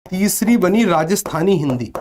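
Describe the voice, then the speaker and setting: A man's voice: high-pitched, expressive, normal speed, darkish tone. A male teacher from northern India giving an exam coaching class, asking the students questions and answering them himself as he drills key points. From Vrindavan area, northern India. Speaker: Hindi teacher.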